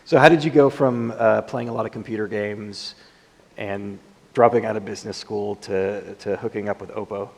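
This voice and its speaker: Gravelly-voiced male interviewer, echoing hall. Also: on the low side, steady tone, darkish tone. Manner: chatty, joking, quick follow-up questions. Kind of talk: on-stage interview. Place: conference stage in a large hall. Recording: reverberant conference hall.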